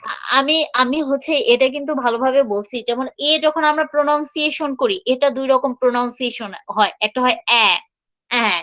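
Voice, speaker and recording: A woman teaching English pronunciation in a live online class, chatting casually and repeating words slowly for students to copy. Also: high voice, fairly bright tone, dull audio.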